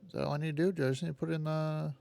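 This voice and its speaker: Male game streamer, casual and relaxed, gravelly edge, mouse clicks in the background. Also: a little high, rapid-fire, dry recording. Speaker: streamer playing a wrestling video game. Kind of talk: casual gaming stream commentary.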